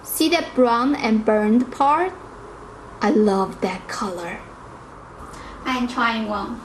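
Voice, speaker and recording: A woman cooking vlogger gives a casual tutorial in her home kitchen, chatty and direct, with slightly non-native phrasing. Her voice is on the high side and she takes it slowly. The recording is rough, with a little hiss or hum.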